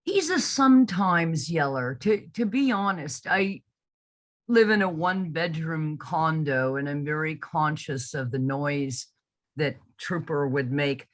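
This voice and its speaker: Slow, low-voiced woman telling stories. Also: lively intonation. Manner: slow, warm, affectionate storytelling. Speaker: foster carer. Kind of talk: casual interview answers. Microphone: video call.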